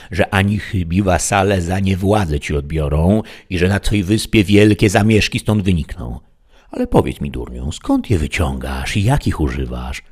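A man's voice: sits low, darkish tone, husky. A man voicing an aging idealistic knight who gives solemn, archaic advice and lectures sternly. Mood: furious. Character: aging idealistic knight, lofty and quick-tempered.

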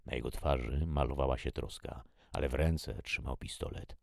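A man reading a first-person story as an audiobook in a measured, even way. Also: extremely low pitch, gravelly, no echo, clean studio sound. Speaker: audiobook reader.

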